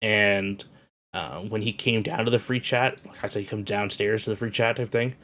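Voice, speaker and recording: A man's voice: lowish voice, steady tone, moderate pace, bright, forceful tone. A man chatting casually about trading, agreeable, often stopping and repeating words. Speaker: student guest. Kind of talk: casual chat.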